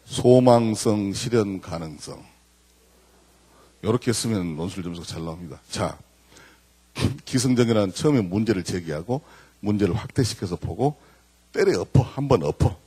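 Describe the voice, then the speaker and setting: A middle-aged man giving a lively sermon-style lecture to a church congregation, telling stories and acting out the voices of the people in them. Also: fairly low pitch, normal speed, pauses often, husky. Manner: animated storytelling, acting out quoted voices; addresses the congregation directly. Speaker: guest speaker at a church service.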